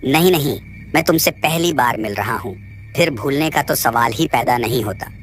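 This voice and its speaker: A frightened young man in a ghost story, voiced by a man, talks in an anxious, pleading way. His pitch sits in the middle. Soft music plays underneath. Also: expressive, moderate pace, close to an everyday voice. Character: frightened young man visiting a haunted ruin. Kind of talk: storybook narration.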